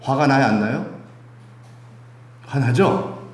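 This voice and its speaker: A man's voice: medium pitch, slow. A male pastor preaching a sermon and leading prayer, often asking the congregation questions. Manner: animated, asks the congregation questions. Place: church sanctuary. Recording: echoey church hall with faint music.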